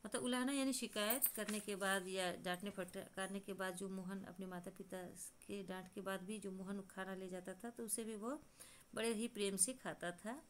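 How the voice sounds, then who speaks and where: A woman's voice: medium pitch, slight background noise. A young woman teacher retelling a story for a class and explaining it line by line, with fillers as she thinks. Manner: retells and paraphrases lines, with many fillers. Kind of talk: explaining a Hindi lesson story.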